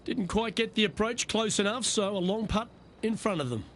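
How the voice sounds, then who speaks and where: A man's voice: high voice, moderate pace, a bit bright, a little hiss or hum. A man doing live golf commentary in brief reactive calls between shots.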